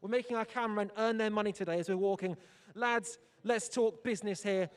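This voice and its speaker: This young presenter's voice is high and clean, and he talks quickly. He's out in an outdoor fan zone doing a live, energetic broadcast, trading jokes with fans at their tables in an upbeat, excited way.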